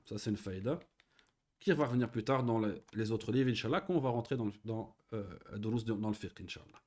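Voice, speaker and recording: A man teaching a beginners' Arabic reading lesson in French, with casual asides, who slowly draws out and repeats each model word. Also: medium pitch. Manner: slow drawn-out model pronunciations repeated twice; chatty asides with tag questions. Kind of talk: classroom lesson explaining Arabic letters in French.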